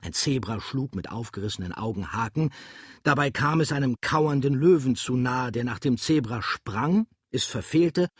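Husky male audiobook narrator. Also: mid-range voice, expressive, moderate pace, dry recording, studio quality. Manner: dramatic, vividly paced reading. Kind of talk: scripted narration.

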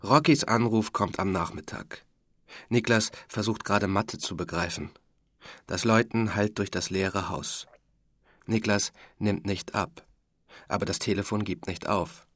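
Slow husky man reading a story. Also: lowish voice, dry recording. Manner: calm, measured reading. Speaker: audiobook narrator. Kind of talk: scripted narration.

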